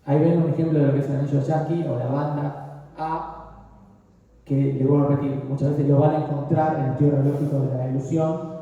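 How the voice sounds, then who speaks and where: An older man lectures on radiology, often pausing to ask his students whether they follow. His voice is dark and mellow, and it is picked up from a distance in a very echoey room with a long reverb tail, on a dull, muffled recording. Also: a little high, level tone. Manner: explanatory, frequently checks understanding with "¿sí?".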